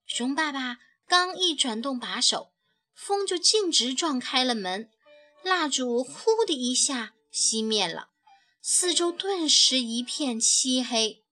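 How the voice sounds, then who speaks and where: Bright, slow woman reading a picture book. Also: sits high. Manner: gentle, expressive narration. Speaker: storyteller. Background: soft background music.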